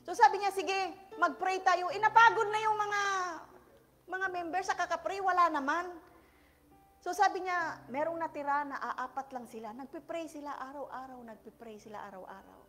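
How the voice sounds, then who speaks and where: A woman preacher giving a lively sermon in church, mixing in English and asking the congregation for an amen. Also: extremely high pitch, moderate pace. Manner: animated, switches between Tagalog and English, asks the congregation "Amen?".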